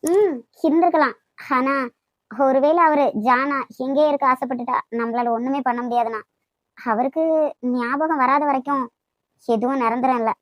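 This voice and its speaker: A woman voicing a fussy, sharp-tongued young woman in a cartoon, with a Kanyakumari Tamil accent. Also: sits high, moderate pace, no echo, natural voice. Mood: gentle. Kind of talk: amateur cartoon voice acting.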